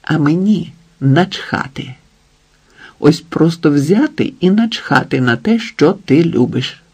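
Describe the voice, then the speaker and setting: A man's voice: a little high, lively intonation, slow, darkish tone, breathy edge, pitched above the performer's own voice, exaggerated voice. A man reading the short, clipped lines of a worn-out, desperate young woman. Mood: defiant.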